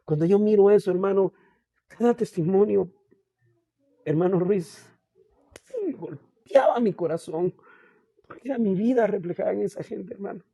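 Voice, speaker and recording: A man who is a pastor, with a Guatemalan Spanish accent, tells his faith testimony in an earnest, halting way and keeps calling the listener "hermano". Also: high-pitched, creaky, dark tone, dry recording, highs cut off. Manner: halting, with many restarts and fillers. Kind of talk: personal faith testimony in a podcast interview.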